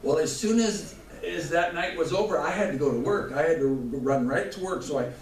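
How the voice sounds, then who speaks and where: A man's voice: a little high, brisk. Fervent man testifying in an echoey church. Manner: fervent storytelling with restarts and chuckles. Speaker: church member giving testimony. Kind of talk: spoken testimony before a congregation. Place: church hall. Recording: echoey room mic from far off, faint noise.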